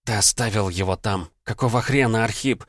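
A man reading an audiobook, voicing an angry young woman who snaps out sharp, commanding lines in a raised voice. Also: on the low side, a little fast, no room sound, clean studio sound. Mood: furious. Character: young woman, furious and defiant.

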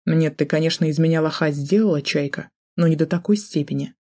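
A woman's voice: deep voice, brisk, dark tone. A woman reading an audiobook, voicing a jealous, drunk man who holds a gun and taunts with sneering threats. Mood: menacing.

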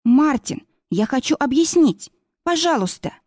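A woman reading an audiobook, voicing a young heroine who is emotional and pleading, her voice pitched higher and tense. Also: big pitch swings, normal speed, dark tone, no room sound, studio quality. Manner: high, agitated and pleading.

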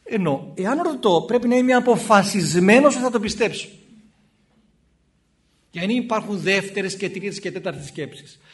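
A man's voice: sits high, animated. A male Orthodox priest giving a spoken sermon in a conversational way, acting out short exchanges between people. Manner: conversational, acts out little dialogues in shifting voices.

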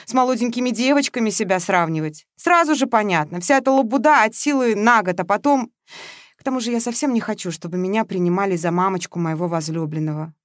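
A woman's voice: mid-range voice, fast, dry recording, studio quality, lightly acted. A woman narrator voicing Masha, a practical, exasperated middle-aged woman who scolds her friend. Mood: skeptical. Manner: reproachful, practical. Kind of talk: audiobook character reading.

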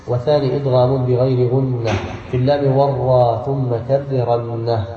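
A man from Algeria, a sheikh, reads a classical passage aloud and then explains it slowly and deliberately in a classroom commentary. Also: mid-range voice, dark tone. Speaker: sheikh teaching Quran recitation rules. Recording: dull, roomy lecture recording from a distance.

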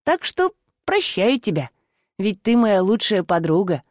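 A woman reading an audiobook voices the narrator's fiery young best friend, emotional and quick to anger. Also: medium pitch, very animated, no echo, studio quality. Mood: warm.

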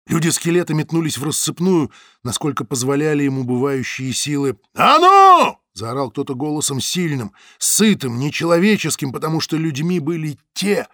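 A man's voice: mid-range voice, dry recording, studio quality. A man narrating an audiobook in a dramatic, tense reading. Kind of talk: scripted narration.

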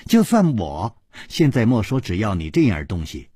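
A smug little servant boy, acted by a male storyteller teases and sneers, sliding between a low murmur and bright jabs. The husky voice is close and dry. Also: huge pitch swings, moderate pace, dry recording, heavily acted. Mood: sly, teasing. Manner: teasing, smug, soft sneering asides. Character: sly, mocking boy servant.

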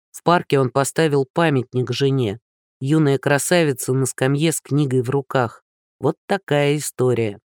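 A man reading an audiobook, voicing Lyosha, a burly, gentle, earnest captain, in a lower, earnest voice. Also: dry recording, studio quality, lightly acted.

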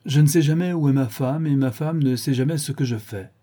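Male reader as a witty young aristocrat, amused and paradoxical; dark, husky tone. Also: mid-range voice, a little fast, voice pushed up, close to an everyday voice. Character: witty cynical English aristocrat, young man.

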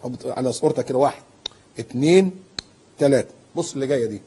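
A man preaching in a colloquial style with an Egyptian accent. He is animated and emphatic, and he acts out the people he quotes. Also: medium pitch, quick pace, husky. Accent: Egyptian Arabic. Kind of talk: colloquial sermon.

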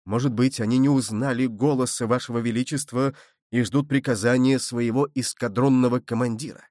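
A man reading a calm, steadfast French nobleman. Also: mid-range voice, brisk, no room sound, clean studio sound, natural voice.

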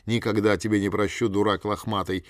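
A man reading an audiobook and voicing a middle-aged man who speaks curtly and commandingly, gruff yet tender. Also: fairly low pitch, little pitch movement, a little fast, no echo, clean studio sound, natural voice.

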